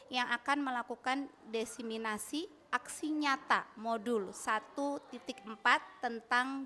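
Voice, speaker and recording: A woman's voice: a little high, pushed and bright. Upbeat Indonesian woman teacher presenting. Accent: Indonesian, from Bandung. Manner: upbeat, asks audience for replies. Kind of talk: school training presentation.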